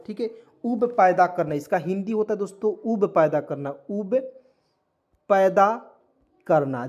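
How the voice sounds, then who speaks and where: A man's voice: high-pitched, a little mellow. A man teaching English spelling and pronunciation in an online lesson, often asking a question and answering it himself as he addresses the viewers as friends. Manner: explains word by word, repeatedly asks and answers himself.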